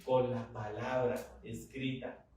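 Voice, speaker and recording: A man's voice: medium pitch, level tone, takes it slowly, darkish tone. A man pastor with a Colombian Spanish accent, preaching a sermon with rising fervor and call-and-response. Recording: echoey hall, voice from far off.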